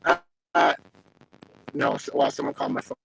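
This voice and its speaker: A man's voice: moderate pace, a bit bright, a little hiss or hum, low-quality recording. A man who works as a veterans benefits advocate, talking casually and hesitantly over a video call with a bad connection that keeps breaking up. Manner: hesitant, with frequent fillers. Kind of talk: casual conversation.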